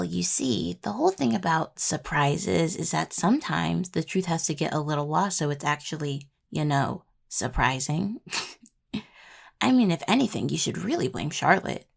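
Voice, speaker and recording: In an intimate audio roleplay addressed to a listener, a woman acts as an affectionate, teasing necromancer. Her husky, gravelly voice runs on the low side and is exaggerated, and she speaks softly, playfully and casually, with sighs and murmured asides to her partner.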